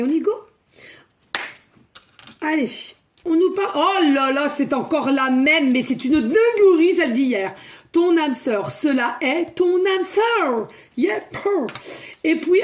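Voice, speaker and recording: A woman doing a spiritual card reading, excitable and thinking out loud as she draws cards. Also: high-pitched. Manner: excitable, thinks aloud, breaks into song. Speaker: tarot card reader.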